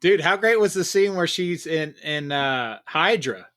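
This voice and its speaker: Eager, bright-voiced podcast man. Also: on the high side, animated, measured pace. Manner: eager, laughs easily. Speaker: podcast co-host. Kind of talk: casual chat.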